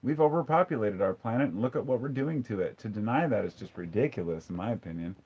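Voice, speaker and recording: A man's voice: lowish voice, animated, quick pace, a little mellow, a little hiss or hum. A man hosting a casual live stream, reading viewer comments and answering them in a blunt, profane, sarcastic way. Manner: conversational, with frequent restarts.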